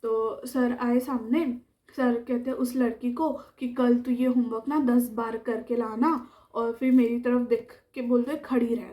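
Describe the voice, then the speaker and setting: A young woman with a high, mellow voice recounts a school mishap in a casual vlog storytime. She talks in a chatty, animated way and slips into the voices of the people she quotes. She sounds relaxed and never harsh. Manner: chatty, animated retelling that acts out the quoted lines. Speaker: storytime vlogger.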